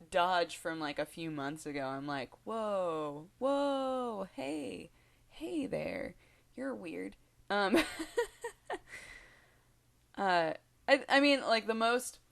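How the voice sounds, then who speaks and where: A young woman in her twenties vlogging in a loose, rambling way. Her voice sits a little low, and she laughs easily, circling back on herself with lots of ums and likes. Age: 20s. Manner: chatty, giggly, full of fillers and restarts. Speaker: video blogger. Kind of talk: casual rambling vlog.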